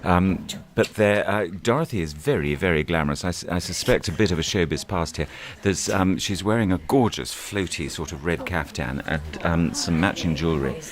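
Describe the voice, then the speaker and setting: A man's voice: sits low, brisk, few pauses. A man working as a radio interviewer, chatting casually in a playful, teasing, mock-incredulous way. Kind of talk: casual interview with chorus members. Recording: loud crowd chatter behind. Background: busy crowd.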